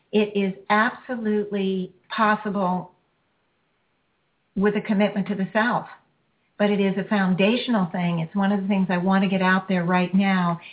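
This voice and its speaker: A woman hosting a healing show, leading a caller through a release in slow, soothing, repetitive phrases. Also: medium pitch. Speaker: energy healing radio host. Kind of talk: guided healing session with a caller. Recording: phone-like lo-fi audio.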